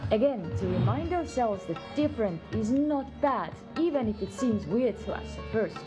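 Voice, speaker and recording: A woman's voice: on the high side, lively intonation, normal speed. A woman giving scripted narration for a travel video. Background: music.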